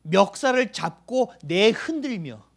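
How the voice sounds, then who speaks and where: A male pastor delivers a sermon in a high, lively voice whose pitch swoops up and down. He keeps questioning his listeners and then answering himself. For emphasis he sometimes sinks to a hushed near-whisper. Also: measured pace, gravelly. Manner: animated, asks the congregation questions and answers them.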